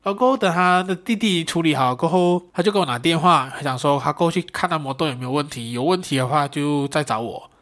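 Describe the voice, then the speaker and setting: Young male podcast host; lively, self-mocking storytelling; fairly high voice. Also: fast, hardly any pauses. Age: young adult. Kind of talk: casual solo podcast storytelling.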